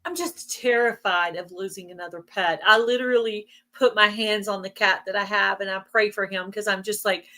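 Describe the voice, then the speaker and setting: A woman's voice: medium pitch, steady tone, normal speed, few pauses, sharp tone. A woman in casual, chatty, explanatory conversation, her voice giving out from allergies. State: losing her voice from allergies, throat clearing. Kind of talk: casual chat.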